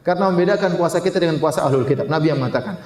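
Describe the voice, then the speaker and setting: A man giving a lively Islamic sermon, joking with listeners and quoting Arabic. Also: a little high, racing. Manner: lively, jokes with the audience, quotes Arabic. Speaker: Islamic preacher. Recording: echoey hall with long reverb.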